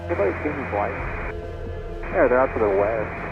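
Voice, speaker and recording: Man, airline pilot, over an aircraft radio, slow halting reports, muffled distant transmission. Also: mid-range voice, animated, loud music behind the voice.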